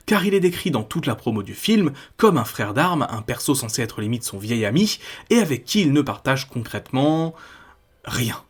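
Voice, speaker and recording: A man's voice: medium pitch, breathy edge. A man from France hosting a video essay, talking in a critical, conversational way with frequent casual fillers. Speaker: YouTube host.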